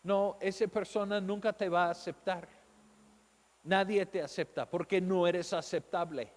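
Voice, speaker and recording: A man's voice: high voice, steady tone, unhurried, in a large hall. A man preaching a sermon as a pastor, telling his own story, asking rhetorical questions and acting out the voices of doubters.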